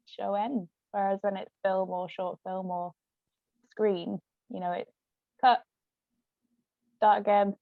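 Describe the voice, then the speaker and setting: The same guest, an actress and author, casually recounts anecdotes from her career in a medium-pitched voice. It's a dry recording with a thin, phone-like quality.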